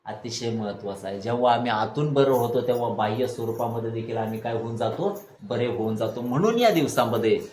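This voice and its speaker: A male pastor preaching a sermon. He asks the congregation questions, answers them himself, and builds to loud exhortation. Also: mid-range voice, animated, brisk, a little hiss or hum. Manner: call-and-response preaching, rising to loud exhortation. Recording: echoey room, faint ambience.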